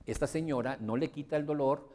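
A man's voice: a little high, brisk. A man giving a motivational seminar to an audience, telling stories and acting out the voices of the people in them. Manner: animated storyteller who acts out quoted voices. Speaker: seminar speaker. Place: large room before an audience. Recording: reverberant hall.

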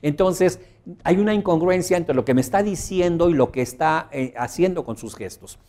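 A man leads a public speaking teleseminar in a slightly high voice. He swings between loud, forceful phrases and near-murmured ones, pausing often with filler sounds. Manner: strongly modulated, rising and dropping volume for emphasis; frequent fillers, slow deliberate phrasing. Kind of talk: teleseminar lecture.

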